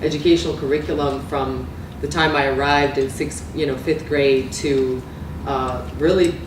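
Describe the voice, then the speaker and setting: Middle-aged woman lecturer, from Romania, conversational and halting, echoey room, heard from a distance. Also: rumbling low, steady tone, noisy background. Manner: conversational, many fillers and self-corrections. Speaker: guest lecturer. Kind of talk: academic lecture.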